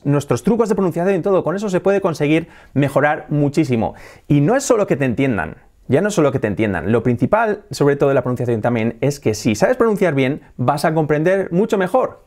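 A man from Spain with a Spanish accent, teaching English in a video lesson to camera, jokey and animated, imitating good and bad English pronunciation. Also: mid-range voice. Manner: animated, jokey, often laughs at own examples; imitates mispronounced and native English for contrast.

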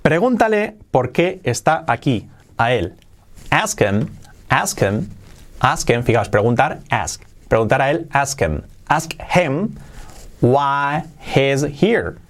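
A man from Spain teaching English, slowly repeating phrases to model pronunciation. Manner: models phrases with slow, drawn-out repetitions; lively intonation, jumping high on questions. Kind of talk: English lesson.

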